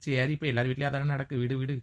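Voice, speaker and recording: A woman playing a sharp-tongued village woman. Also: very deep voice, level tone, rapid-fire. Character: outspoken village woman, bold and joking. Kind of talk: village comedy skit acting.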